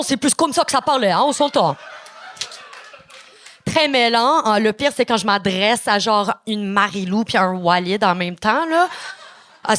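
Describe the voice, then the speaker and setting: A young woman with a Quebec French accent doing an energetic, chatty stand-up set, swearing casually. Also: mid-range voice, no room sound. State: a little nervous. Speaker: stand-up comedian. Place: comedy club stage before an audience.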